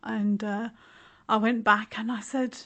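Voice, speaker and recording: A woman's voice: on the high side, flat delivery, unhurried, fairly bright tone, muffled recording. A woman in her forties from West Yorkshire with a slight Yorkshire accent, a guest talking in a casual interview with wry, self-mocking humour. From West Yorkshire, England. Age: 40s.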